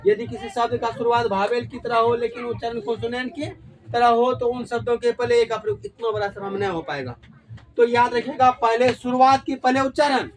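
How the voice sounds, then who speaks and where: A male teacher with a high voice leads a classroom grammar lesson. He keeps asking the class questions and repeats each key word back to them. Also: steady tone, fairly quick. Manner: call-and-response questioning, repeats key words.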